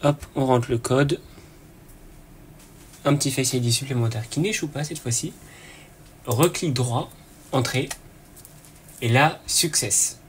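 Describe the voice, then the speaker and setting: A man's voice: mid-range voice, slow pace, long pauses, slight background noise. Chatty man walking through a tutorial. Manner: relaxed, chatty, frequent "euh" and "hop". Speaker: tech tutorial host. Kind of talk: casual screen-recorded tutorial.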